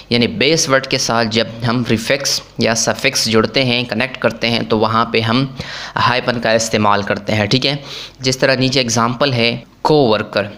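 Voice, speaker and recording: A man explaining English grammar rules in Hindi, repeating "ठीक है" often and reading English rules slowly. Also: mid-range voice, a bit bright.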